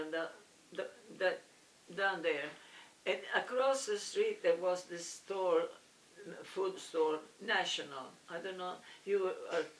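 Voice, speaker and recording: An older woman from Italy with an Italian accent, telling family stories in casual chat, animated and halting, laughing often. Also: fairly low pitch. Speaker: family storyteller. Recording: roomy, distant, faint noise.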